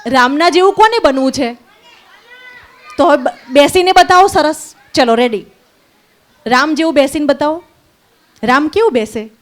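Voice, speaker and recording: Woman, children's camp teacher, high voice; repeat-after-me lines and storytelling with questions. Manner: slow call-and-repeat blessings, then lively storytelling with questions to the children. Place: indoor camp hall with children.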